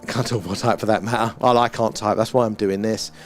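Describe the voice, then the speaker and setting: A British man speaks a little fast in a steady, lowish voice over soft background music. Hosting a live stream, he rambles in a musing, loosely philosophical way and lets some mild swearing slip in.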